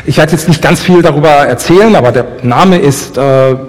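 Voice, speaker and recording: A man interpreting a sermon live, rephrasing quickly with some hesitation. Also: a little high. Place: church hall. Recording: long church hall reverb.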